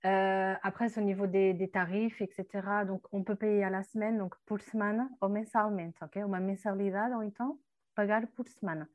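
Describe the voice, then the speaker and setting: A woman leads a casual language lesson, patiently walking through Portuguese vocabulary. She explains things step by step with frequent fillers. Her voice sits at an everyday mid pitch. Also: fairly even intonation, fairly quick, highs cut off. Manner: explains with many fillers and French-Portuguese switching. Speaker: Portuguese teacher.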